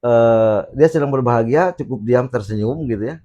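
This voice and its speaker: A man talking on a casual podcast, explaining his views slowly and thoughtfully with pauses and fillers. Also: mid-range voice, warm tone, lo-fi sound. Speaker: podcast guest speaker, [name]. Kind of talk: casual reflective podcast talk.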